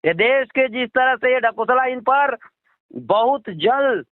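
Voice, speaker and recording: An Indian man, a political activist, speaks indignantly in a phone interview, his voice very high, slow and lively in intonation with no echo. The call sounds muffled and lo-fi, and he keeps repeating himself and posing rhetorical questions.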